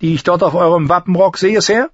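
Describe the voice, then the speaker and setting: A man's voice: high-pitched, dry recording, muffled recording, pitched above the performer's own voice. A man doing a proud, resolute noblewoman. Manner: formal, measured.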